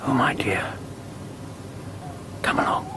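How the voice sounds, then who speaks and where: An actor playing a kindly, earnest English gentleman doctor in a radio drama, gentle and protective in manner. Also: takes it slowly, in a whisper, natural voice. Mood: tender, protective. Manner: gentle, earnest, plain-spoken. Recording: clearly noisy sound-effect backdrop.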